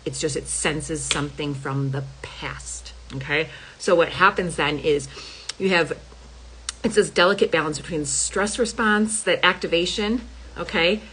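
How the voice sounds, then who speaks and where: A woman's voice: low-pitched, a bit bright, slightly rough, poor audio. A middle-aged woman health coach talking casually and emphatically to her viewers, often checking in with "okay?" and "y'all.". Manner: chatty, emphatic, says "y'all" and "okay?" a lot. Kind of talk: casual talk to camera.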